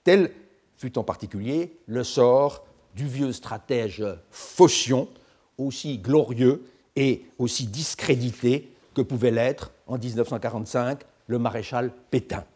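An older man giving a formal academic history lecture, measured and lively in pitch, pausing often on fillers and restarts. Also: breathy edge.

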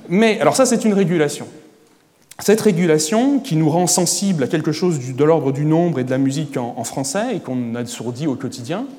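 A man giving an academic lecture at a conference, erudite and hesitant, often pausing on filler sounds. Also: on the high side, expressive, dark tone, long reverb tail. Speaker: conference speaker. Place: conference hall.

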